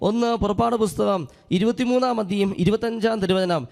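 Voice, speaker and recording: ഒരു പുരോഹിതൻ ഹാളിന്റെ മുഴക്കത്തിൽ, ഒരു അനുഭവകഥ പറഞ്ഞുകൊണ്ടുള്ള പ്രസംഗം. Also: male voice, sits high, a little fast, gravelly, darkish tone. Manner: earnest storytelling, acts out quoted speech. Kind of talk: sermon with a personal story. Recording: long hall reverb.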